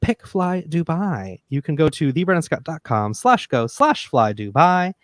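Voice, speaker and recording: Animated male host with a lively pitch. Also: normal speed, dry recording, clean studio sound. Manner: animated storyteller, reads sponsor ads playfully. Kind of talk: live stream party chat.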